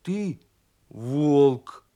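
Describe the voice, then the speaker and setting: A man voicing a frightened little male bear cub in a storybook reading, shouting defensively. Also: a little high, lively intonation, very slow. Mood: scared, shouting.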